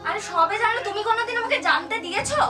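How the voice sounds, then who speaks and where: Over background music, a young adult woman fires off words rapidly in a very high, expressive voice, her West Bengal Bengali accent clear. It's a prank call: she scolds and accuses theatrically, pressing her point with dramatic insistence.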